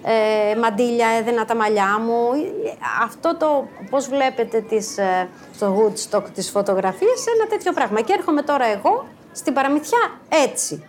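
A woman in her fifties, a former social worker, telling a personal story to an audience in a lively, animated way. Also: on the high side, a little hiss or hum. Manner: lively, animated, acts out quoted voices.

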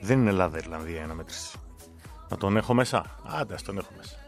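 Lively chatty man drawing winners. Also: low voice, gravelly, faint music behind. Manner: chatty, joking asides, reads names aloud. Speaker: host drawing giveaway winners. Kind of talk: casual live-stream chat.

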